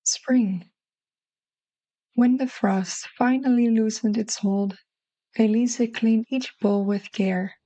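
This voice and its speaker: A woman with a Dutch accent narrating a literary short story in a soft, mellow voice. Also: a little high, fairly even intonation, slow pace, pauses often, no room sound, low-quality recording.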